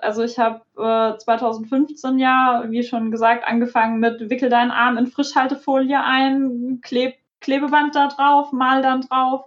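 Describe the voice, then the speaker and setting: A woman casually explaining her craft as a panelist, on a slightly dull recording. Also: on the high side. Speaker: panelist, costume maker.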